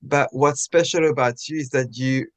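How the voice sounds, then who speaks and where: An interview host chats casually with a guest, his mid-range voice steady and his speed normal. He comes across as friendly, though his speech is full of fillers and restarts.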